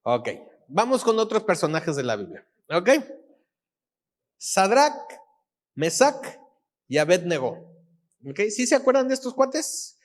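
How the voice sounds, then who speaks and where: Male pastor, Mexican accent, middle-aged, slightly high voice, chatty storytelling sermon. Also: sing-song, slow pace, pauses often. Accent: Mexican Spanish. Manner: casual storytelling, acting out dialogue with asides to the congregation.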